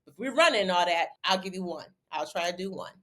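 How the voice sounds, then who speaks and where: Animated woman from Connecticut telling stories. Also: on the low side, brisk. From Bridgeport, Connecticut. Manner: animated storyteller, repeats words when excited. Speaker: interview guest, former basketball player turned model. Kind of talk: casual interview conversation.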